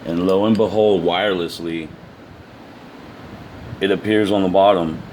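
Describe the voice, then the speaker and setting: A man with a very low voice talks informally to his viewers without a script. He moves haltingly, restarting and repeating words as he explains. A faint steady noise sits behind his voice. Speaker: amateur video presenter. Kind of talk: casual unscripted explanation to viewers.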